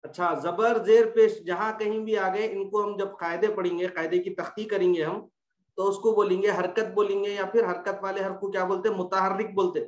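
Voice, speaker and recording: Teaching Quran recitation online, a man drills letters with patient repetition and quizzes his students, speaking fairly quickly in a high voice with a level tone. The lo-fi recording comes across dull, with echo from the room.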